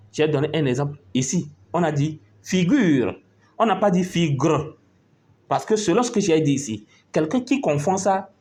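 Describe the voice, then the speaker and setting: A man's voice: a little high, darkish tone. A male teacher giving a patient phonics lesson, spelling out letters and syllables one by one and often checking that his pupils are following.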